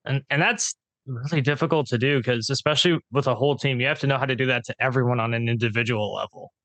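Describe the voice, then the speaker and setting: A young man hosting a podcast, asking relaxed questions and giving short replies while he listens. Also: medium pitch, fast, no room sound. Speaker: podcast host. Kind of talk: casual interview.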